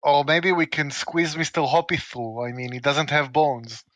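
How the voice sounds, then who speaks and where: A man with a fairly high voice jokes around as a tabletop game player. His banter is casual and playful, recorded with a dry sound. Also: fairly even intonation, moderate pace, a bit bright, no echo. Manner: playful, joking.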